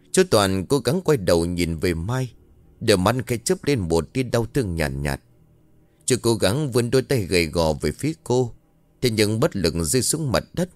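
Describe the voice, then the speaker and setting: A man narrating a ghost story in a slow, dramatic scripted style. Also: lowish voice, no echo.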